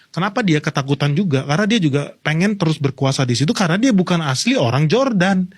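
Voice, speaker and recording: A man's voice: fairly high pitch, animated, quick pace, breathy edge, no echo. Man explaining politics casually, dry sound. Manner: conversational, explaining to viewers. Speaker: political commentator. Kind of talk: casual commentary.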